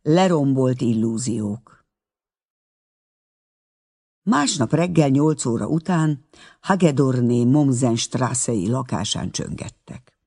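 A reader giving measured, expressive audiobook narration of a novel chapter. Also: mid-range voice.

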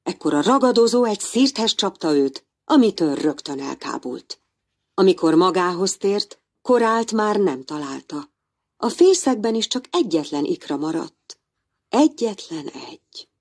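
Low husky woman reading a storybook. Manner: expressive, lively storytelling. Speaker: narrator.

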